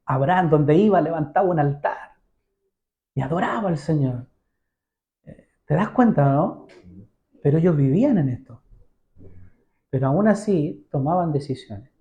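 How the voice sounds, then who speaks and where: A man's voice: on the high side, lively intonation, unhurried, pauses often, mellow, lo-fi sound. A man preaching a sermon in a church. He speaks conversationally, keeps asking his listeners questions and acts out the voices of the people in his stories. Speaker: pastor.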